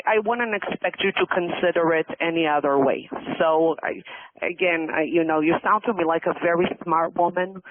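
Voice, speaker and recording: A man talks over a landline phone in a slightly high voice, and the line squeezes it thin and tinny. He is an earnest, reassuring realtor who comes back to his key points again and again. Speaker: realtor in a practice sales call. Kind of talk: polite sales pitch on a phone call. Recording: narrow tinny landline sound.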